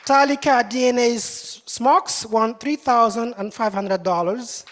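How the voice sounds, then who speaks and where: A woman reading out a list of award winners in a steady way. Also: on the high side, a little slow. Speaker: awards presenter. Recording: hall reverb with crowd noise.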